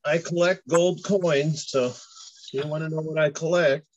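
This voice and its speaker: A man's voice: a little high, fairly even intonation, moderate pace. A sixty-year-old man joking offhandedly on a video call. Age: 60s. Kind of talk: casual video call chat. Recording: dull lo-fi call audio.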